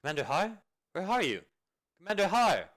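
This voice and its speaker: A man voicing a dutiful young female soldier who calls out loudly and speaks politely and earnestly. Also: lowish voice, expressive, fast talker. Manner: loud calling, polite and earnest. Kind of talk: amateur video game fan dub.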